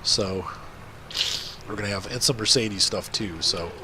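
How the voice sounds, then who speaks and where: A man's voice: on the low side, a little slow, noisy background. A man with a congested, blocked-up nose giving casual, rambling gameplay commentary as a video host. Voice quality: congested, blocked nose, nasal stuffy sound.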